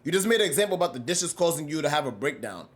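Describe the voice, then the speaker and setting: Young male streamer, high voice, slangy and rambling, casual chat with viewers. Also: very fast. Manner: animated, rambling, slangy, swings between loud and mumbled. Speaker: livestreamer.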